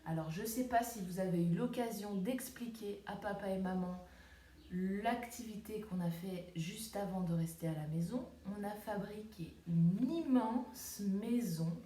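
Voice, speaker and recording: A woman preschool teacher giving a home video lesson to young children, slow and gentle, sounding out words syllable by syllable, recorded on a tablet at home in the countryside. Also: mid-range voice, far from the mic. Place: countryside home, flies around. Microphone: tablet camera. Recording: roomy tablet recording with faint ambience.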